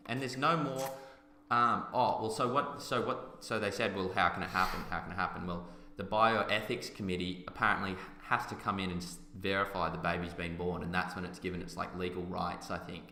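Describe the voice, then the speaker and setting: Deep forceful man, roomy room. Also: steady tone, fairly quick, hardly any pauses, slight background noise. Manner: emphatic and argumentative. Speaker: podcast host. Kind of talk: casual opinion chat.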